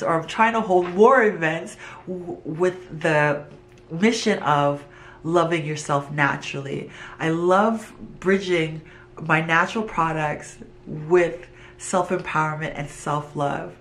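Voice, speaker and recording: A middle-aged woman, originally from Trinidad and Tobago, speaking earnestly as a business owner in a pitch video, now and then restarting a phrase. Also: takes it slowly, a little hiss or hum. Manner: earnest and heartfelt, with some restarts.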